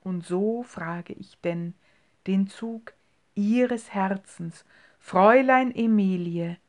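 A woman giving voice to a pompous middle-aged suitor who speaks in drawn-out, solemn phrases. He declaims his lines slowly and grandly, like a storybook gentleman proposing at a dinner table. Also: fairly low pitch, lightly acted. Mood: declaiming.

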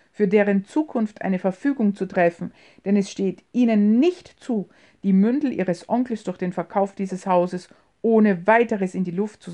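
A woman's voice: mid-range voice, dark tone, close to an everyday voice. A woman reading an indignant little old clerk. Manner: earnest, indignant, clipped words. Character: small, proud old family clerk, man. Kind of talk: audiobook character reading.

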